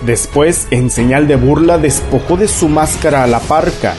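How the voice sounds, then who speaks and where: A man's voice: fairly high pitch, normal speed. A man delivering scripted narration as the narrator of a lucha libre documentary. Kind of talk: scripted narration recounting wrestling matches. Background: background music.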